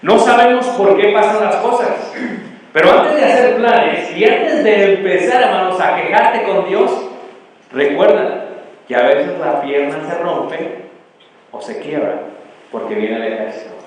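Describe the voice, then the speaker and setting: A man's voice: high voice, lively intonation, measured pace. A middle-aged man preaching a storytelling sermon and quizzing the congregation with fill-in questions. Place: church hall. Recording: echoey hall with long reverb.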